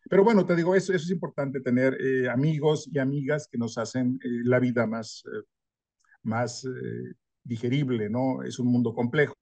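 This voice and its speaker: Older historian, dry sound. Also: male voice, mid-range voice, fairly even intonation, moderate pace, gravelly, darkish tone, dry recording. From northern Mexico. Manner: thoughtful, frequent tag questions, light self-deprecating humor. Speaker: historian guest. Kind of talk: reflective interview answer.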